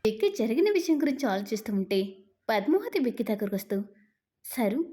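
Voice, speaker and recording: A woman narrating a dramatic serial story in a steady storytelling manner. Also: a little high, fast talker, husky.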